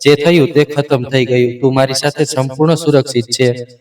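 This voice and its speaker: A man's voice: medium pitch, steady tone, moderate pace, darkish tone, close to an everyday voice. A man voicing a commanding young male rescuer, speaking firmly and with authority. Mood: gentle. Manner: firm, authoritative. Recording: roomy echo, distant mic.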